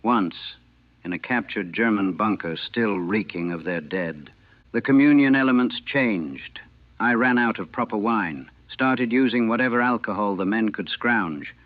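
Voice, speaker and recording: Low grave man on a tinny old recording. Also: lively intonation, no room sound. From United States. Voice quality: grave, measured, haunted. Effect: old archival recording, narrow and tinny. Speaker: army chaplain recalling the war. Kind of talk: solemn first-person recollection.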